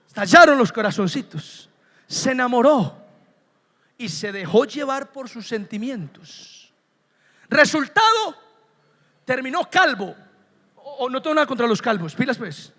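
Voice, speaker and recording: A pastor preaches in an emphatic sermon style, swinging between quiet stresses and loud bursts. His voice sits very high for a man and rings bright and sharp. A long church reverb trails behind every phrase. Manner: emphatic, swings from soft to shouting.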